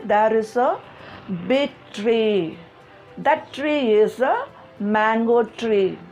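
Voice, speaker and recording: Woman teacher, kids' story lesson, repeats herself, asks questions, unhurried, muffled lo-fi sound. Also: high voice. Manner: simple, repetitive phrasing, asking children questions.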